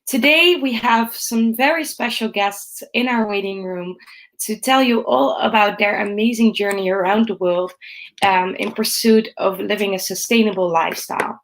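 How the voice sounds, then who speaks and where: A woman's voice: mid-range voice, moderate pace, rough recording. A woman hosting an online conference, opening the session and welcoming guests in an upbeat way. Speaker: conference host. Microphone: video call.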